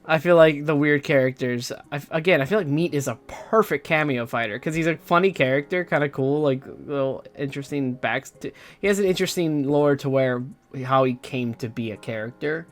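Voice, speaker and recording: A man's voice: fairly high pitch, fairly quick. A young man giving casual gaming news commentary, rambling and hesitant with lots of fillers and restarts. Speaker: gaming YouTuber.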